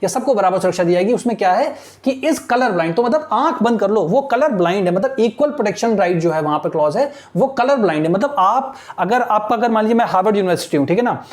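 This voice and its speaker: A woman teacher with an Indian accent, slowly reading English editorial lines aloud and then explaining them in Hindi, checking in with her students again and again. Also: mid-range voice, animated, a little mellow. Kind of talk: exam-prep lesson, reading and explaining an editorial.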